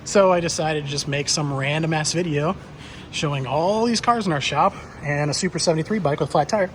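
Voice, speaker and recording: A man's voice: a little high, fairly quick, a little hiss or hum. A man giving a casual, unscripted walkaround of a busy car workshop, talking in a blunt, offhand way with some swearing. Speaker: car shop owner giving a walkaround tour. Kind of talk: casual unscripted video tour. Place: busy car workshop, walking among cars.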